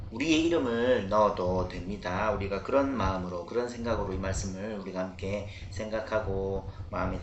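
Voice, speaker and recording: Lively man giving a children's sermon. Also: mid-range voice. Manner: lively, coaxing, asks children questions. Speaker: children's pastor. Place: church room. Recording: roomy church echo, faint noise.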